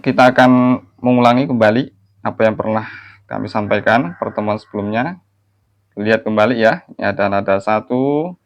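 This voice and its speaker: Male teacher, unhurried, resonant clear voice, patient, explains step by step. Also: mid-range voice, muffled recording. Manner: patient, repeats and addresses listeners warmly as friends; demonstrates melodic chanted phrases. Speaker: Quran reading teacher. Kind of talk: online recitation lesson.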